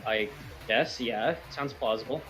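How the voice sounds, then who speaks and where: A man's voice: mid-range voice, unhurried, a bit bright, low-quality recording. A man with a mid-range voice chimes in during an online role-play, laid-back and a little hesitant. Faint music plays behind him. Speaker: player. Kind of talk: casual role-play chat.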